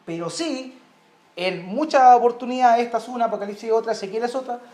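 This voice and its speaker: A man's voice: very high-pitched, brisk, a little mellow, reverberant. A man preaching a sermon in a Chilean Spanish accent, emphatic, repeating key words and checking in with the congregation. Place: church.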